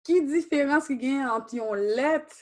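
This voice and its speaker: A woman's voice: high voice, a little slow, a little mellow. A woman teaching a Haitian Creole class, switching between Creole and French and questioning her students patiently.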